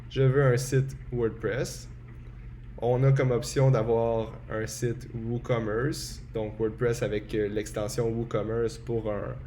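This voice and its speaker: A man walks through a software setup step by step in a relaxed tutorial, often pausing with hesitations. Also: medium pitch, a little hiss or hum. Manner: relaxed and explanatory, frequent hesitations. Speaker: tutorial presenter. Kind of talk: screen-recorded software tutorial.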